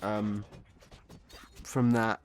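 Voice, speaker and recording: A man's voice: lowish voice, flat delivery, very slow. Drunk, rambling man reviewing a film. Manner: drunk, getting drunker, rambling and losing his thread; frequent swearing, exasperated. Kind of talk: casual comedic film review, part scripted and part off-script rambling.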